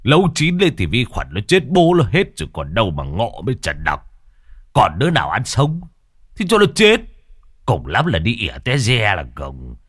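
A man voicing a crude, gruff middle-aged father who talks bluntly and fast. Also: on the low side, wildly swooping pitch, a bit bright, no room sound, studio quality, heavily acted. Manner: crude, blunt, quick-talking.

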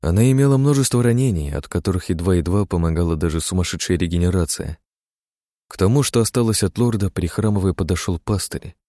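A man narrating a fantasy audiobook in a deep, mellow voice. His reading is steady and dramatic. The sound is dry, with no room around it. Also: no room sound.

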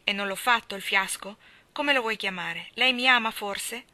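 A woman's voice: medium pitch, moderate pace, pushed and bright. Woman reading as a bitter heartbroken young man. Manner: harsh, bitter tone.

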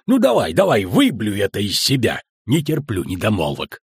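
A man voicing a gruff, hot-tempered male dwarf wagon driver who rants and shouts crude words in a husky voice. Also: lowish voice, wildly swooping pitch, moderate pace, dry recording, clean studio sound, exaggerated voice. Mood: angry ranting.

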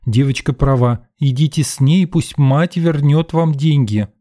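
A man voicing a prim, indignant woman in a queue in an audiobook, lecturing and loud. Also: on the high side, a little slow, no echo, clean studio sound, voice pushed up, close to an everyday voice. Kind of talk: audiobook character voice.

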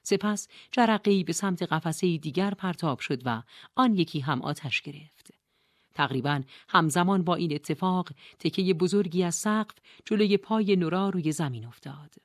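Hushed woman narrating an audiobook. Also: lowish voice, dry recording, clean studio sound. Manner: soft, hushed and breathy in narration. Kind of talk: scripted narration.

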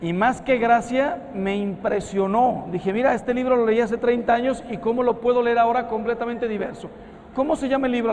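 A Mexican man in his fifties, a priest giving a storytelling sermon, animated and acting out the voices he quotes. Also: very high voice, slight background noise. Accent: Mexican Spanish. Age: 50s. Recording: reverberant hall with faint ambience.

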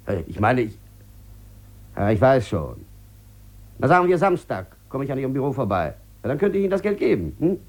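An actor playing a desperate, sick gambler in debt, pleading and stammering on the phone in a 1950s radio play. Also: male voice, mid-range voice, big pitch swings, a little fast, long pauses. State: feverish. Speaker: lead character in a radio drama.

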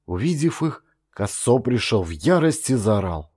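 A man reading a story aloud as narrator, in an even, measured storytelling manner. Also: mid-range voice, slightly rough. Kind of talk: scripted audiobook narration.

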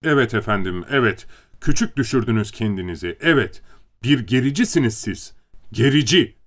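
A man voicing a drunk young male writer who shouts angry accusations in an audiobook. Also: fairly high pitch, animated, normal speed, voice pushed up, natural voice. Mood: furious.

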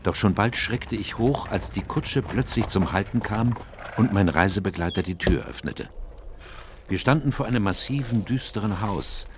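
Male actor as earnest doctor-narrator for radio play: low, expressive range, measured and reflective. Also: noisy background, natural voice. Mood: sombre reflection. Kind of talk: radio drama narration and dialogue.

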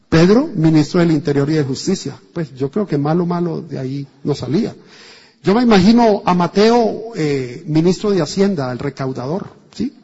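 A man with a Colombian accent preaching a sermon, animated, asking many rhetorical questions and swinging between loud and soft. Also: high voice, slightly rough. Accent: Colombian Spanish. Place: church hall. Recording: dull sound with long church reverb.

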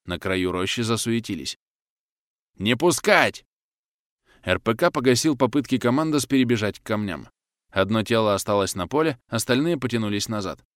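Guy reading a war audiobook, lowish voice, steady, dry close mic. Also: dry recording. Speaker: audiobook narrator. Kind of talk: first-person war novel narration.

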